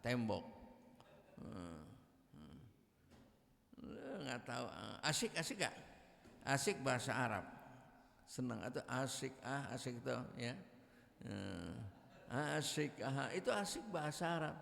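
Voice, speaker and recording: A man's voice: medium pitch, big pitch swings, takes it slowly, creaky, long pauses, fairly bright tone. A man, preaching in a mosque with humor and acting out quoted dialogue. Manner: jokey, acts out quoted dialogue. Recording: echoey mosque hall.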